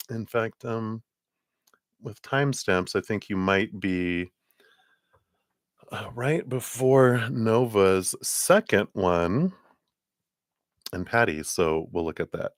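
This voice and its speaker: A man hosts a live tarot reading stream, chatting casually and rambling as he does readings, laughing often and fighting a tickle in his throat. His voice sits on the low side, and the sound is clean and studio-like with no room echo.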